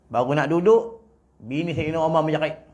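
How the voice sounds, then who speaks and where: A man with a Malaysian Malay accent giving a humorous religious lecture in a prayer hall, teasing his audience and swinging between loud and soft. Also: fairly high pitch, fairly quick. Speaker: preacher.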